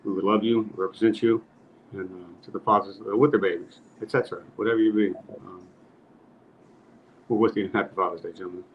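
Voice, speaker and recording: Male podcast host, low voice, earnest rambler, muffled lo-fi sound with faint noise. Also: steady tone, brisk. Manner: rambling, earnest, laughs at own jokes. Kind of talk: casual chat.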